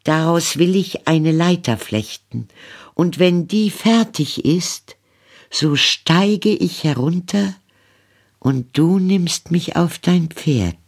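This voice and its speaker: A woman's voice: on the low side, expressive, takes it slowly, a little mellow, pitched above the performer's own voice, full character voice. A woman reading a fairy tale audiobook, voicing a naive young girl locked in a tower who pleads and wonders in a childlike way. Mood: hopeful.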